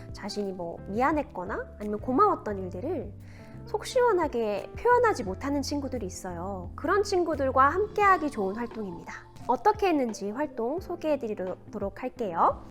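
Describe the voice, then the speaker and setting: A woman teacher reading a picture book aloud and explaining class activities in an animated, sing-song storytelling manner. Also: high voice.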